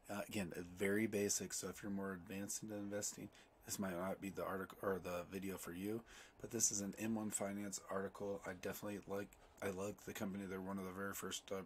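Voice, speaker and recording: A man with a hoarse voice from a cold, hosting a casual finance video and reading an article aloud with chatty asides. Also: deep voice, slight background noise. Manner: loose and chatty, with many fillers and asides. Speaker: personal finance video host.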